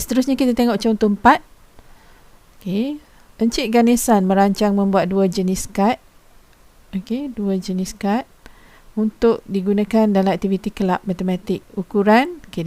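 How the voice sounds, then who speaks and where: Patient woman teacher, mellow voice. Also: medium pitch, dry recording. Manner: patient explaining, poses questions to students; informal teacher's speech with frequent fillers. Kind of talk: recorded classroom lesson.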